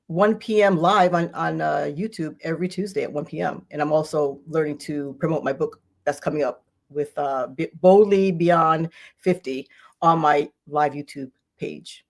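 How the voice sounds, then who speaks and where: A woman around sixty who is a guest author on a livestream interview, gushing and warm, spelling details out slowly over a video call. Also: sits low. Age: 60s.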